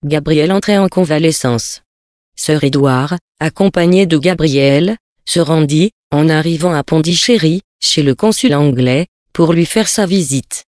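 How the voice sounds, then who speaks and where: A reader narrating a classic tale in a measured, steady way. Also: mid-range voice, no room sound, studio quality. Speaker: audiobook reader.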